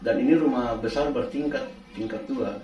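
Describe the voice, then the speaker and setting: A man casually recounting a true experience, halting and repeating phrases as he goes. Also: mid-range voice, dark tone, lo-fi sound, faint music behind. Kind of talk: casual spoken storytelling. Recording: roomy, distant mic, faint background noise.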